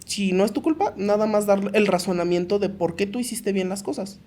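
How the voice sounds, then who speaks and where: A young adult woman with a Mexican accent, co-hosting a podcast and giving calm, practical advice in casual chat. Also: medium pitch, fairly quick. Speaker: podcast co-host.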